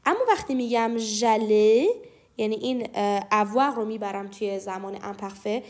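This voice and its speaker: A young woman teaching French grammar. She explains patiently and slows down to spell out example phrases. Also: medium pitch, a little mellow. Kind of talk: explaining lesson.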